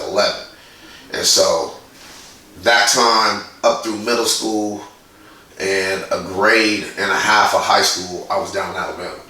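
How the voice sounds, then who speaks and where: A man's voice: fairly low pitch, sharp tone, very echoey, recorded from a distance, rough recording. A man in his forties from Indiana, a guest in a casual interview, who tells stories bluntly and swears freely. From Indiana, USA. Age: 40s. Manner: blunt, profane, storytelling. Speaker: guest, graffiti artist.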